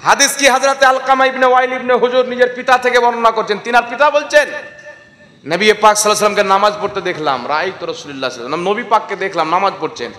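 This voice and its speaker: A man's voice: very high voice, fast, pushed and bright, roomy sound, long reverb tail. A man preaching a sermon with a West Bengal Bengali accent, exhorting the crowd with emphatic rhetorical questions. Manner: exhorting, calls on the crowd to respond. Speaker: Islamic preacher.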